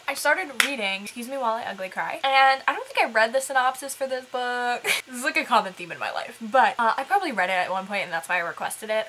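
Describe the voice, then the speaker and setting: Bright-voiced chatty woman vlogger. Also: medium pitch, slight background noise, rough recording. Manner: chatty, filler-heavy, laughing asides. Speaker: book vlogger. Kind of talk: casual chat.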